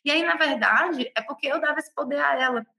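A woman, a tarot reader and mentor, talking in a casual, expressive and animated way, with emphatic exclamations. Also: sits high, a little fast, vocal fry. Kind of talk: casual conversation.

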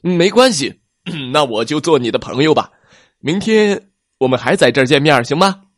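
A big, lonely T. rex who stutters and trips over his words, as a man puts him on. The voice sits a touch higher and louder than plain talk, in a dry, close recording. He sounds like a storybook dinosaur who is not used to being liked. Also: animated, moderate pace, no echo. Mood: happy. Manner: stammering, hesitant. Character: big lonely male T. rex, gruff but shy, fibs nervously.

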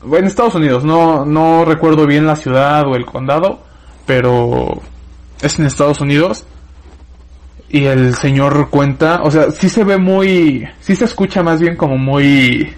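A man with a Mexican accent hosting a casual chat, rambling as he retells a creepy story in detail. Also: a little high.

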